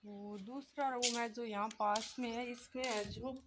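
A young woman with a slightly high, fairly even voice speaks unhurriedly, filming herself on a phone held at arm's length as she walks through an old, empty brick house, both inside and out. She chats casually with viewers like they're friends, leaning heavily on filler phrases during this house-tour vlog. The recording is very noisy.

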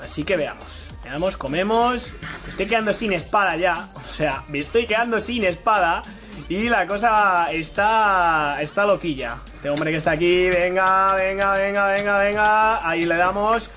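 Young spanish guy, high voice, hyped up chatter trash talking other players, bit of music behind. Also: moderate pace. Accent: Spain Spanish. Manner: excitable, chatty, taunts opponents. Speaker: gaming YouTuber. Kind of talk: live Minecraft PvP commentary.

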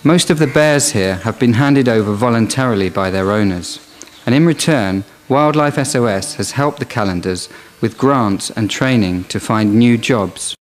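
A man's voice: mid-range voice, moderate pace. A man presenting and narrating a nature documentary in a scripted reporting style. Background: music under the narration.

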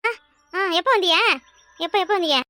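A fretful, complaining cartoon village wife, voiced by a woman. Her voice is extremely high and fast, with a southern Tamil Kanyakumari accent. She laments and grumbles as she talks. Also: pushed and bright, no room sound, faint music behind. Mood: lamenting. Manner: complaining, lamenting, exclaims to herself. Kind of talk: cartoon voice acting.

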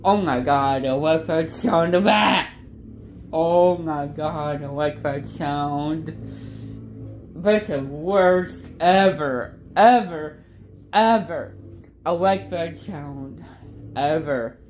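A woman vlogging casually from her phone, exclaiming often in excitement. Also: deep voice, drawn-out words, a little hiss or hum. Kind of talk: casual vlog talk.

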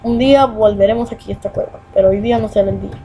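A young man with a Peruvian accent giving excitable gameplay commentary, muttering repeated words and swearing as he plays. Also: high-pitched, very fast, slight background noise, low-quality recording. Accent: Peruvian Spanish. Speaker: gamer.

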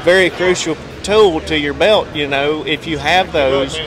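Man pitching at a busy trade show. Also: measured pace. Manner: enthusiastic, salesman-like, lots of fillers. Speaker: scent company owner. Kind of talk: casual interview at a trade show booth. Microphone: handheld mic. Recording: noisy crowded trade show hall. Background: crowd chatter.

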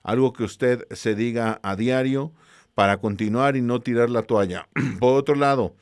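A man's voice: mid-range voice, unhurried, a little mellow, smooth, dry recording, clean studio sound. A man with a Mexican accent, a teacher casually greeting students and reading their messages aloud in a slangy, easygoing way. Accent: Mexican Spanish.

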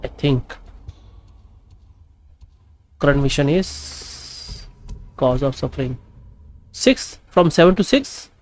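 A man's voice: a little high, sing-song, takes it slowly, pauses often, a little mellow, a little hiss or hum. Informal Indian man doing gameplay commentary. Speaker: gaming channel host.

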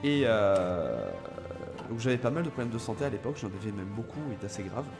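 A young French streamer with a fairly low pitch sounds very animated as he chats with viewers during live gameplay, calling them by name. His talk is hesitant, peppered with fillers and restarts, over background music.

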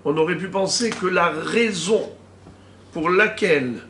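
A man, a rabbi, teaching a Talmud lesson, slowly reading out Hebrew and Aramaic terms and explaining each one. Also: high voice, a bit bright. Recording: echoey room with faint ambient noise.

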